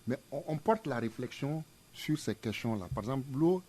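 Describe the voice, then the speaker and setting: A man's voice: medium pitch, lively intonation, moderate pace, a little mellow. A man, a museum director explaining his ideas in an interview with emphatic, repetitive phrasing. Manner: emphatic, didactic, repeats phrases in parallel pairs.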